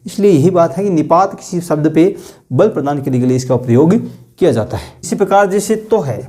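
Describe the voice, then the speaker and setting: A man's voice: fairly high pitch, lively intonation, fairly quick, mellow. A man teaching a Hindi grammar lesson online, explaining with rhetorical questions and repeating stressed example sentences.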